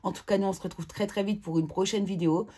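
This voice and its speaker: Brief: female tarot reader, slightly husky tone, calm, measured reading with some hesitation. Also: medium pitch. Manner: calm reading of card messages with hesitant fillers.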